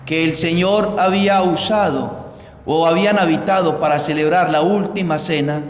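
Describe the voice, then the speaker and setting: A man, a priest, reading the Gospel and preaching a Pentecost homily in a slow, measured liturgical way, with a cathedral echo. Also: a little high. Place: large church. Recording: echoey church hall, faint background hiss.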